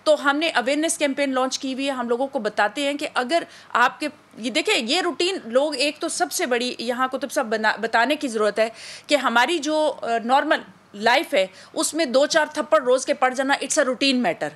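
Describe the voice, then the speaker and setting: Woman official on talk show panel, very high voice, earnest. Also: moderate pace, a bit bright. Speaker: official of a women's protection authority. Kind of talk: studio talk show guest.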